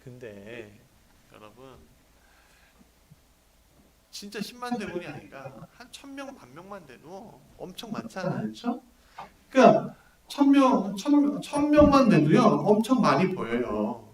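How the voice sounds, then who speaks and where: Male pastor, animated preacher who keeps questioning his flock; recorded in a roomy church from afar, congregation audible. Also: high voice, unhurried, a crowd in the background. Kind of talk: sermon. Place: church hall at a prayer meeting. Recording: echoey church hall, mic at a distance, congregation audible.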